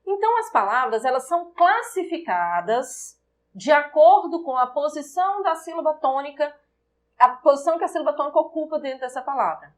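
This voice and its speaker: A Brazilian woman teaching a recorded Portuguese grammar lesson, speaking deliberately and repeating example words to stress their syllables. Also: high voice, lively intonation.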